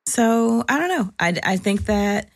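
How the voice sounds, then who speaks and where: A woman talking casually on a panel as a parent, halting as she thinks aloud and acting out quotes. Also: mid-range voice, animated, creaky.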